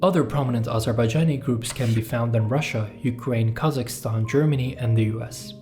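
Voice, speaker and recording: A native Turkish speaker with a Turkish accent and a medium-pitched voice reads a scripted explainer narration. His delivery is measured and steady, with a music bed playing beneath him.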